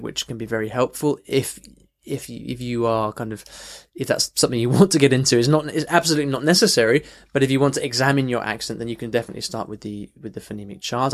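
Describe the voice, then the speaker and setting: A man hosting a podcast lesson, explaining things in a loose, conversational way with frequent restarts and "okay" check-ins. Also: medium pitch. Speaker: language teacher, podcast host. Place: in London.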